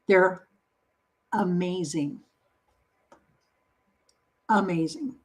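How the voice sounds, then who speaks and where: A woman's voice: on the low side, very slow. A woman hosting a home baking livestream, chatting casually and answering viewer comments in a playful, encouraging way. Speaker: baking channel host.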